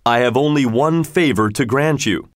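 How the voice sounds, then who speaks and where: A fierce male genie spirit who speaks slowly and with grim command, as a man reads him. His tone is steady and unyielding. The sound is dry and close. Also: mid-range voice, no echo, natural voice. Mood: stern. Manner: slow, stern, commanding.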